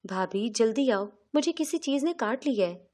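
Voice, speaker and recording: A woman's voice: fairly high pitch, animated, a little mellow. A woman reading out the lines of a young man, her brother-in-law, who whines in pain and later bargains slyly. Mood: pleading. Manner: whiny, then sly and bargaining.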